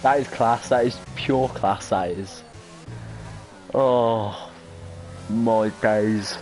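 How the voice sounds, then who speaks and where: A young man giving excitable, breathless live play-by-play for a sim-racing stream, his voice prone to cracking. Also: fairly low pitch, drawn-out words, faint music behind, low-quality recording. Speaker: race commentator.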